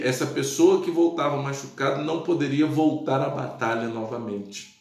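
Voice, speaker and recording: In an echoey room, a man with a mid-range voice leads Bible teaching over a live stream. He bursts into praise and checks on his audience, speaking Portuguese shaped by a Spanish first-language influence.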